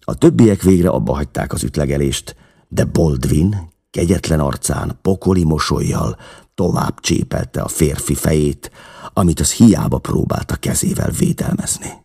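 Deep, gravelly male storyteller. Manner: dramatic, expressive reading. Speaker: narrator. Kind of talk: audiobook reading.

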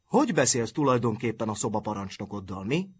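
A man voicing a haughty, condescending older schoolboy, with a husky voice. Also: on the low side, sing-song, slight background noise. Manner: condescending, threatening.

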